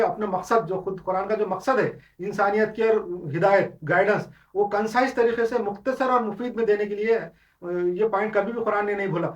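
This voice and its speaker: The recording is dull and far from the mic, carrying a man's high voice as he gives an unscripted Islamic lecture. He explains step by step in Hindustani peppered with English terms, restarting often and filling pauses with sounds.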